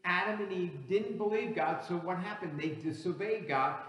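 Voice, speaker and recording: A man's voice: high voice, normal speed, fairly bright tone. Earnest male pastor in an echoing hall. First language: not English. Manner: earnest, teaching, building emphasis on key words. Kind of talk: sermon. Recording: echoey hall, reverberant room.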